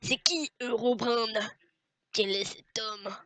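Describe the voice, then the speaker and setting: A woman narrating a parody horror game playthrough in a strained put-on voice, deadpan and mock-scary with sudden shrieks and whispers. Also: fairly high pitch, takes it slowly, dry recording. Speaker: gameplay commentator. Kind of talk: parody horror let's-play commentary.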